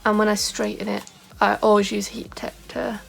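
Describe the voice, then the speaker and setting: Faint music plays behind this beauty vlogger, a young woman talking to camera in a loose, rambling way packed with "like" fillers. Her mid-range voice is creaky and scratchy today, delivered flat at a normal speed.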